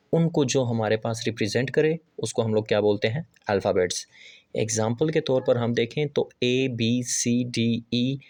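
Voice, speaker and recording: Deliberate male teacher quizzing his class. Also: mid-range voice, darkish tone. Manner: asks the class rhetorical questions and answers them; reads English definitions slowly and deliberately. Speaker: English teacher. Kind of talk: classroom-style video lesson.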